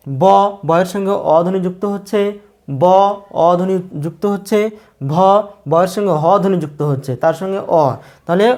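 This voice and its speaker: Teacher voice, mid pitch, methodical, repeats every sound for learners. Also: darkish tone. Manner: slow, repeats each sound several times. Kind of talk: pronunciation lesson.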